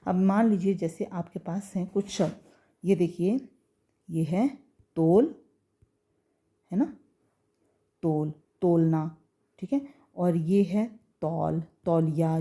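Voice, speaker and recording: A woman teacher giving a patient pronunciation lesson, saying words slowly and checking that pupils understand. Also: on the low side, mellow.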